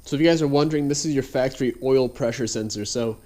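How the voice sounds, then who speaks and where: Quick-paced and mid-range, this man's darkish voice has a congested, somewhat nasal sound. He rambles easily through a casual how-to of his car build as he works, heavy on filler, with the audio coming from a head-mounted action camera in a garage.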